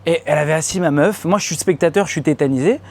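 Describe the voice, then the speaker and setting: A young man from France tells his stand-up story on a comedy club stage. He speaks in casual street slang, addresses the crowd directly, and breaks into loud, high-pitched voices when he acts out scenes. His voice sits a little high for a man. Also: fast. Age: young adult. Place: comedy club stage before a live audience.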